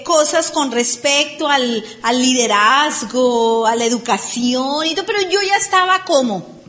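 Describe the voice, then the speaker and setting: A Colombian woman with a high, bright voice tells a personal story in a casual, animated way. Her Colombian accent colors every line, and she turns sarcastic as she acts out others. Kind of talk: casual anecdote telling.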